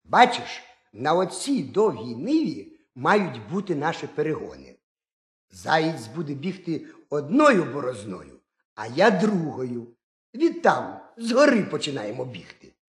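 A man's voice: on the high side, very animated, unhurried. A man voicing a crafty, boastful male hedgehog who talks in a confident, coaxing way, for a folk tale. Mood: scheming. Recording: roomy echo.

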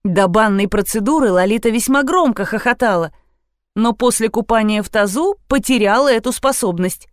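Narrator: woman, higher voice, expressive reads, dry close mic. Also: moderate pace, no echo. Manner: lively, animated character reading. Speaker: audiobook narrator.

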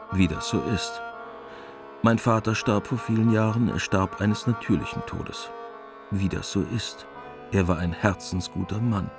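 A middle-aged male actor with a low-pitched voice narrates a literary radio drama as a weary, wry war veteran, delivering his lines in a laconic, resigned way.

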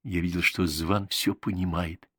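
Guy reading an audiobook, lowish voice, dry close mic, steady. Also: a little slow, breathy edge, no room sound. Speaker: audiobook reader. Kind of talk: scripted narration.

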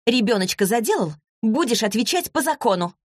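Scheming young woman, shrill and defiant, done by a woman reader, dry sound. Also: sing-song, a little fast, no echo.

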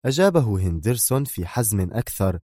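Low, mellow male narrator. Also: no echo, studio quality. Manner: steady, measured. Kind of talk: scripted audiobook narration.

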